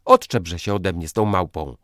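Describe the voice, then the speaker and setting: A man voicing a touchy young woman in a raised, petulant falsetto. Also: huge pitch swings, unhurried, warm tone, no echo, clean studio sound. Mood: irritated.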